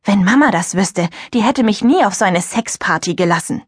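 A woman's voice: animated, normal speed, breathy edge, no echo, studio quality. A woman voicing a prim, easily outraged teenage girl in an audiobook. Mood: indignant. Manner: shrill, outraged.

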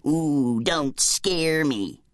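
A man voicing a smug, taunting talking bum in a children's audiobook, drawling his mockery slowly. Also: on the high side, lively intonation, no room sound, clean studio sound. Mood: mocking. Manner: sneering, drawn-out mockery. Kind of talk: audiobook character voice.

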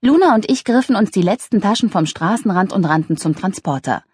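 A woman narrating a humorous novel with a lively, ironic delivery. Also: fairly quick, slightly rough, no room sound. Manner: lively, ironic, voices characters with raised pitch. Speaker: audiobook narrator.

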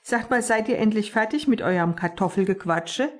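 A woman's voice: mid-range voice, expressive, normal speed, lightly acted. A woman voicing a cheeky, daring young male sparrow who boasts and teases his friends, in a storybook reading. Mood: boastful. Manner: boastful, teasing.

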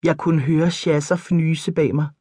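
A woman narrating a comic novel in first person, in a lively, storytelling manner. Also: deep voice, husky, no echo. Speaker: audiobook narrator. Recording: dry close studio sound.

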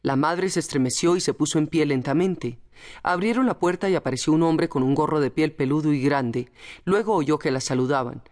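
A woman reading a novel aloud as audiobook narrator in a measured, dramatic manner. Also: low-pitched, a little mellow. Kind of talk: scripted narration.

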